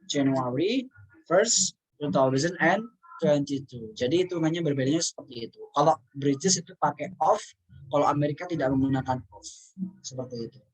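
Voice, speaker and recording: Male teacher, patient casual lesson delivery, repeats key words, slows down for examples. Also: a little high, expressive, breathy edge, rough recording. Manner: reads English examples out slowly. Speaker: English teacher.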